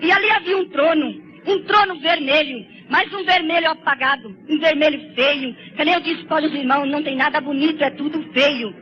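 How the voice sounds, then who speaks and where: A woman with a very high, piercing voice delivers an emotional testimony sermon. She talks fervently and tearfully and turns again and again to her brothers in the congregation. The recording is a little dull and lo-fi, with a faint hiss behind her. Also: brisk, hardly any pauses. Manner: fervent, tearful, keeps addressing listeners as brothers. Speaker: church sister giving a testimony.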